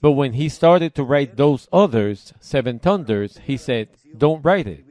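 A man preaches at a church service, reading scripture aloud and unpacking it line by line. His voice sits at a middle pitch, and he speaks in short, emphatic phrases with deliberate pauses. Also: expressive, a little mellow. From Puerto Rico. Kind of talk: sermon, reading and explaining scripture.

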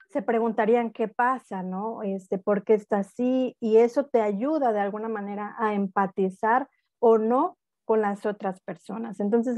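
A woman's voice: fairly high pitch, a little mellow, no echo. A woman gives an online lecture over a video call, explaining step by step and often checking in with tag questions. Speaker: speaker at a university talk.

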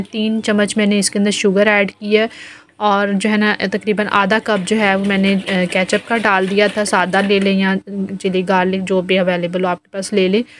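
A woman in her thirties with a Pakistani accent, chatting casually through a home vlog voice-over and explaining each step with lots of fillers. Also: mid-range voice. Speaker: home vlogger.

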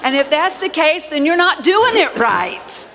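High-voiced woman speaking in a church hall. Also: sing-song, a little slow, a bit bright, slight background noise. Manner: playful, teasing banter. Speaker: co-pastor. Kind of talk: church announcements and teaching. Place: large church sanctuary.

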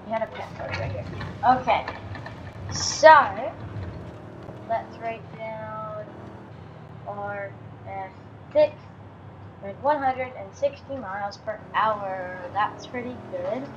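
A gaming channel host, tired and scratchy with a morning voice, chats casually while playing a racing game. Her mid-range voice moves slowly with frequent pauses, and the lo-fi recording carries loud car engine noise from the game. She thinks out loud and counts down launches.

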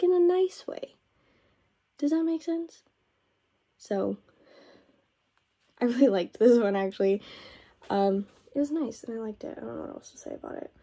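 A woman's voice: fairly high pitch, mellow, breathy edge. A woman book vlogger in a casual review chat, retelling a plot in a rambling way and saying "like" often.

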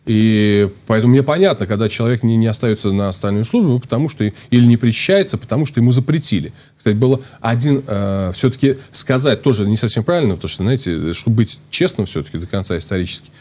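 A priest in his thirties is a guest on a studio talk show, speaking into a lapel microphone. He explains at length and thinks out loud, restarting often and using lots of fillers, in a lowish, slightly mellow voice that is expressive, fast, and has few pauses.

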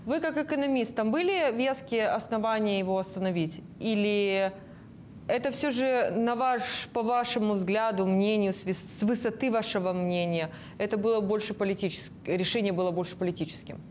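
A woman in her thirties hosts a political TV interview, asking formal questions at a middle pitch. She is recorded on a lapel mic in a studio, with a slight noise behind her. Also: moderate pace, a little mellow. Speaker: TV interviewer, host. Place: indoor TV studio.

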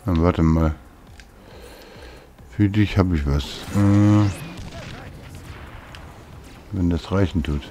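Over background game music, a let's play host mutters to himself and chats casually as he plays. His voice is low and warm, and he talks very slowly, pausing often.

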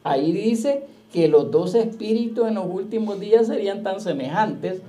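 Male pastor, warm mellow tone, fiery preaching full of rhetorical questions. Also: high-pitched, animated. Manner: fiery preaching with rhetorical questions, slow drawn-out scripture quotes. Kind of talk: sermon.

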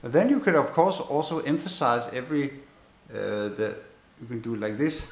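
A man at a middle pitch teaching slap bass, talking haltingly with lots of fillers and restarts and counting beats aloud. His voice rings around a roomy space, with loud bass playing heard behind him. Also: lively intonation, over loud music. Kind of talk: instrument lesson demonstration.

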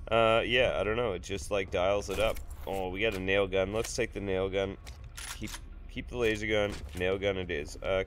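This gaming YouTuber, a man in his thirties, sounds nasal and ill from blocked sinuses as he rambles and jokes over a casual let's play at a home desk, swearing freely. His voice sits fairly low and a bit bright, with slight background noise.

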